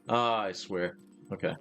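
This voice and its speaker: Rambly guy streaming a game, chatty and unhurried, soft music behind. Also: on the low side, creaky. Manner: rambling, with many fillers and restarts. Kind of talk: casual live gaming chat.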